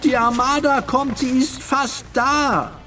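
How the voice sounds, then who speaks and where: A man's voice: very high voice, steady tone, slow pace, bright, forceful tone, slight background noise, voice pushed up, exaggerated voice. A man voicing a frantic, breathless teenage boy urgently giving a warning.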